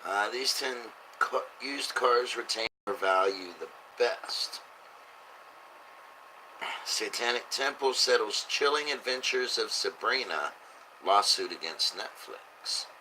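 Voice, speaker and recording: A man's voice: mid-range voice, animated, slow, sharp tone, slight background noise, poor audio. A man who sounds drunk, rambling through casual, blunt, sweary commentary as he reads out headlines. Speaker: host reading and reacting to news.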